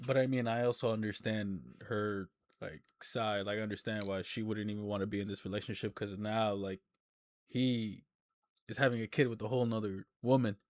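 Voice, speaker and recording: A man's voice: on the low side, fairly even intonation, a little fast, no echo, faint music behind. A man casually reacting off the cuff in a slangy, incredulous way. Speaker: reaction video commentator.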